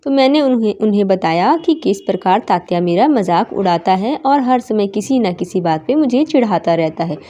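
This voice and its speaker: Brief: woman teacher explaining a story lesson to children, mellow tone, medium pitch. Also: animated, moderate pace, few pauses. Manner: reads aloud and explains, with "देखिए" asides. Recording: slightly dull lo-fi recording.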